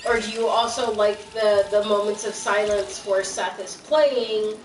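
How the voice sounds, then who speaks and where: A woman co-hosts a game stream, chatting casually in a rambling, self-conscious way. Her mid-range voice keeps a steady tone at a measured pace. The mic sits at a distance in a roomy space, with game music and slight noise in the background.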